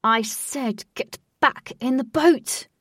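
A woman voicing a hot-tempered male guardian who snaps out loud, clipped commands. His voice sits a little above her own. The recording is dry, from a mic a little away. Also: a little high, very animated, moderate pace, husky, dry recording, recorded from a distance. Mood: angry. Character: gruff male protector, short-tempered and commanding.

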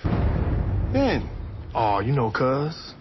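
A man's voice: medium pitch, huge pitch swings, very slow, lo-fi sound, heavy background noise, exaggerated voice. A man voicing a laid-back, slangy guy who drawls and grumbles offhandedly. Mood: grumbling.

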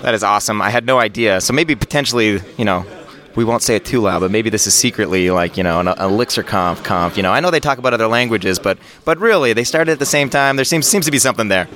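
Upbeat male podcast host, lower voice. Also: fairly bright tone. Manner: upbeat, quick, repeats words. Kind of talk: live conference interview. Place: busy conference venue.

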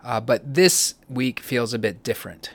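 A man's voice: mid-range voice, moderate pace, gravelly, fairly bright tone. A man co-hosting a podcast, talking and reading aloud in a reflective style. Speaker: podcast co-host.

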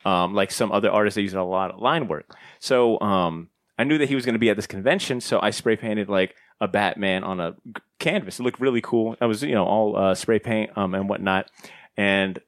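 A man's voice: fairly low pitch, a little fast, no room sound, studio quality. A man hosting a podcast, chatting casually and telling a meandering, informal story that he often interrupts himself. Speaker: podcast host. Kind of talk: casual chat, telling anecdotes.

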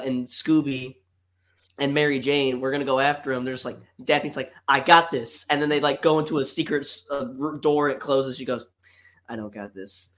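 A speaker in a casual chat, recounting movie scenes at length. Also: medium pitch.

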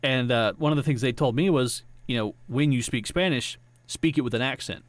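A man's voice: medium pitch, fairly quick, no room sound. Casual man in a dry, close room. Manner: rambling, restarts often, laughs at his own stories. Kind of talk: casual chat.

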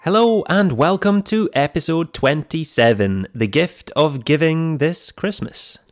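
A man with a croaky, froggy voice, hoarse from flu, presenting a podcast in a semi-scripted, explanatory way. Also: a little high, lively intonation, measured pace, over loud music. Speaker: podcast host. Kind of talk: scripted personal finance podcast narration.

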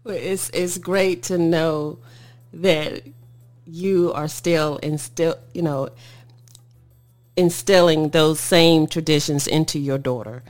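A woman hosting a relaxed table talk who responds warmly and affirms her guest. Her voice is low-pitched, with faint music in the background. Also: takes it slowly. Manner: agreeable, affirming listener. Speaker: host. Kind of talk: casual table conversation.

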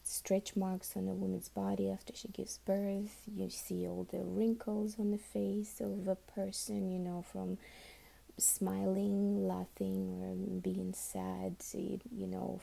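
Over a rough recording, a woman from Uzbekistan whose first language is Russian introduces herself to classmates as a nurse, unscripted. Her mid-range voice is dark and very gravelly, and her half-whispered, soft speech keeps stalling with ums and restarts.

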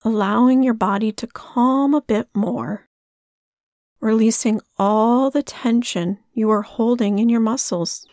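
A woman leading a guided breathing meditation in a soft, soothing way. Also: a little high, unhurried, no echo, clean studio sound.

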